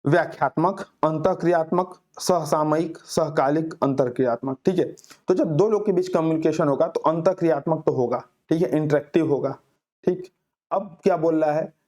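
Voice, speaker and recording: A man teaching an exam-prep class, explaining answers with homely examples and reading questions out slowly. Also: a little high, a little mellow. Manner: reads English questions out very slowly, then explains with everyday examples. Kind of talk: Hindi lecture solving exam questions.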